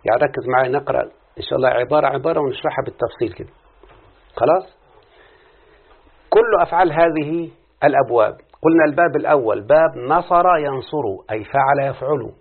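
Male Egyptian teacher, gravelly husky voice, quizzes students as he explains, phone-like sound. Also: medium pitch, fast. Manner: questioning, drawing students in with repeated "what?" prompts. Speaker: teacher of Arabic morphology. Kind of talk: classical Arabic grammar lesson with opening prayers.

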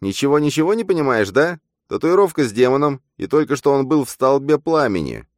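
Male narrator plays an excitable phantom double: pushy, high-pitched, rushing, very dry sound. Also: dry recording, lightly acted. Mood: urgent. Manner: pushy, bossy, slangy.

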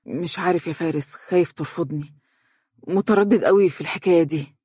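A rowdy, good-humoured young man from an audiobook story, talking quickly and joking in Egyptian dialect, with the narrator doing his voice. He sounds a little higher than the narration, and the recording is dry and close. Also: steady tone, no echo. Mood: nervous. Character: cheerful boisterous young male engineer graduate.

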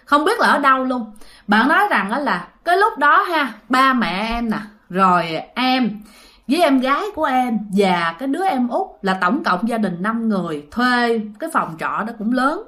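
Southern Vietnamese woman, ghost story narrator, chatty, high voice. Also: big pitch swings, moderate pace, pushed and bright. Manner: chatty, addresses listeners directly. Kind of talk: casual storytelling.

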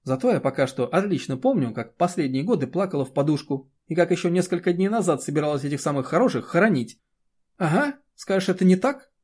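A man's voice: a little high, expressive, quick pace, slightly rough, voice pushed up. A man reading an audiobook, voicing an exasperated woman who scolds her husbands. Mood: angry. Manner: sharp, scolding, shouting at times.

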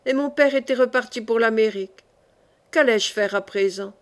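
A woman reads a fantasy short story aloud as audiobook narration. Her delivery is measured and deliberate. Her voice sits slightly high. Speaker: audiobook reader.

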